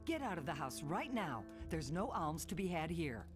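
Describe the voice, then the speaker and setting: A stern housewife from a video game, scolding an intruder out of her home. Her voice is low for a woman, with a lively pitch. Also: moderate pace, faint music behind. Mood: annoyed. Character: stern housewife throwing out a stranger.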